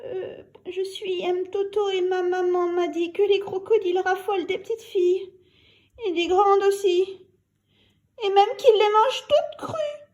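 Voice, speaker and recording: A woman voicing a small, excited young girl in a read-aloud storybook, with a high, shrill, animated voice. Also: takes it slowly, full character voice. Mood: tearful.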